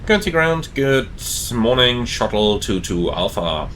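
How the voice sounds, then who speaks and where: A man speaks as an airline pilot in a cockpit, mixing casual commentary with radio calls. His mid-range voice moves up and down in a lively way. A faint rumble sits behind him. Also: measured pace. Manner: casual, conversational.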